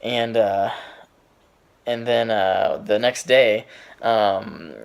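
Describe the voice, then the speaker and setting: A man's voice: fairly low pitch, extremely slow, gravelly, clear, resonant tone. Rambling young man telling a story. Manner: rambling, full of fillers and restarts. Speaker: vlogger. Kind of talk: casual storytelling to camera.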